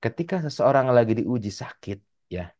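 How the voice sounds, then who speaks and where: A man in his forties with a Sundanese accent, giving an animated religious study lecture and addressing the audience directly. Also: medium pitch, normal speed, highs cut off. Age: 40s. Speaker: speaker at a religious study session.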